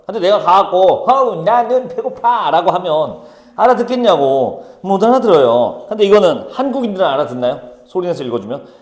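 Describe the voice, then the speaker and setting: A man teaching a high school Korean class, brisk and teasing, calling on students by name. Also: a little mellow. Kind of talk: classroom lecture. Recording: echoey classroom.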